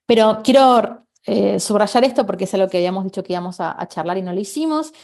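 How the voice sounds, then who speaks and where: A woman's voice: medium pitch, fast, vocal fry, darkish tone. A woman with a Rioplatense Spanish accent teaching a live online painting class, explaining step by step and checking in with her students. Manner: explanatory, thinking aloud with tag questions.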